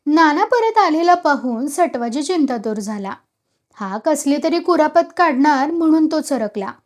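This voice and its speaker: A woman storyteller reading a rural tale aloud in a lively, expressive narration. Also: sits high, measured pace.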